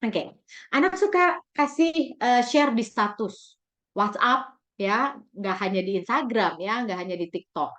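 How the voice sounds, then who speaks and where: A woman giving a lively parenting talk. She speaks often straight to the parents and mixes English words into her speech. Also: a little high, a little slow.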